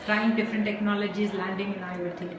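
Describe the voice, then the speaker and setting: A woman's voice: medium pitch, flat delivery, fast talker. A woman hosting a show, chatting and asking her guest encouraging questions. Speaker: show host. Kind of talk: interviewing a guest. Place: noisy event venue. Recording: distant mic in echoey noisy venue.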